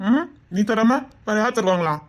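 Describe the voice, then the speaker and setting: A man's voice: sits high, moderate pace, lightly acted. A young man with a Tirunelveli Tamil accent playing a manipulative, greedy boyfriend who sweet-talks insistently on the phone. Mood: sweet-talking. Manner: coaxing, insistent, keeps asking 'understand?'. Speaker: scheming boyfriend on a phone call. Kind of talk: web drama acting.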